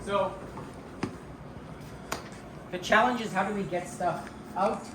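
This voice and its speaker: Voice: mid-range voice, slow pace. Echoey warehouse tour voice, off mic. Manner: informal, rambling, thinking aloud. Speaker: business owner giving a warehouse tour. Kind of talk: casual walk-through video tour, unscripted. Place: large echoey rental warehouse and shop. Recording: echoey warehouse, distant mic, clearly noisy background.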